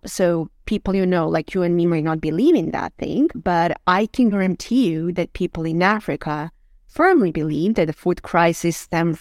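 Woman, lowish pitch, dry close sound, expert interview guest, emphatic, insistent, conversational fillers. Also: a little mellow, no room sound. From Eastern Europe. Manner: emphatic, insistent, with frequent "you know" and "like". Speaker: expert guest on propaganda and disinformation. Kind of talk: interview answers, argumentative commentary.

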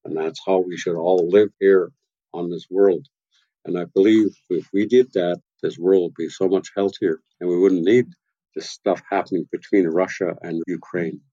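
An elder and carver in his sixties from the west coast of Vancouver Island, Canada, is a guest sharing reflective stories at his home and carving workshop. His deep, mellow voice is slow, gentle and unhurried, broken by soft chuckles, and the lo-fi recording has no room sound.

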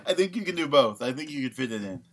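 Young man, podcast co-host, jokey banter, lively swooping pitch, faint hiss. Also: fast talker. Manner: joking, rambling, laughs often. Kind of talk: casual drunken banter.

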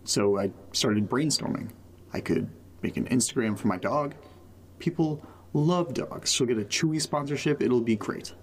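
In a found-footage audio drama, an actor with a medium-pitched voice and normal speed plays a rambling, self-deprecating young man making a casual, joking audio diary, lightly acted in a podcast-monologue style. The mood is wry and upbeat, with slight hiss or hum.

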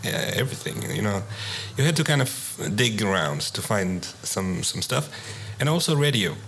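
A man's voice: on the low side, big pitch swings, moderate pace, a bit bright, faint music behind. A man from Tunisia, a musician guest, talking casually in an interview with many restarts and fillers.

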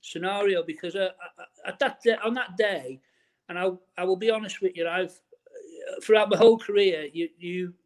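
A middle-aged former footballer reminisces in a casual interview, speaking at a normal pace in a high voice. He's chatty, often restarts his sentences, and leans on fillers like "you know."

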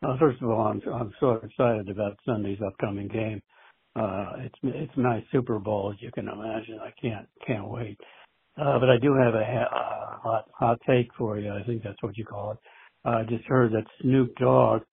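A man from Philadelphia leaving a voicemail for a podcast host, halting and hesitant, heard as a phone message. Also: on the low side, steady tone, no echo. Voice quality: husky, raspy. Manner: halting, with many hesitant fillers. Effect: voicemail played over a phone line. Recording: tinny dry phone voicemail.

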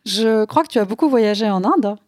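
A woman interviewer from Kerala, India, asking short relaxed questions in a casual conversation. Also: mid-range voice, normal speed, no echo, studio quality.

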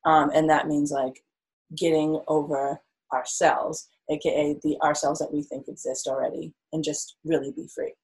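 A woman's voice: deep voice, level tone, moderate pace, a little mellow, breathy edge, rough recording. A young woman guest in a casual interview, talking in a reflective, rambling way with many fillers.

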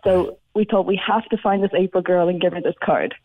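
A woman's voice: lowish voice, a little fast. Young Irish female caller, casual storyteller, narrow phone-line sound. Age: young adult. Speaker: radio phone-in guest.

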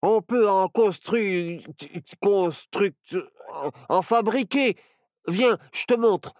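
An eager, slightly stammering young boy from a storybook, as a man puts him on. The voice is pushed high and bright above a normal man's. Close, dry sound. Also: very slow, no room sound. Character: young boy, nervous but handy.

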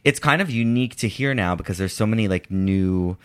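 A man's voice: lowish voice, fairly quick, fairly bright tone, clear, resonant tone. A man in his twenties chatting casually as a podcast guest, phrasing things hesitantly and peppering sentences with "like". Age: 20s. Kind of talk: casual chat.

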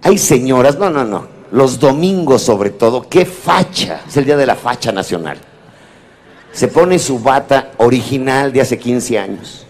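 A man's voice: medium pitch, expressive, unhurried, a little mellow. A man delivers a motivational talk to a live audience. His tone is playful and teasing, and he keeps addressing the listeners directly. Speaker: motivational speaker. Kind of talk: humorous lecture to a live audience.

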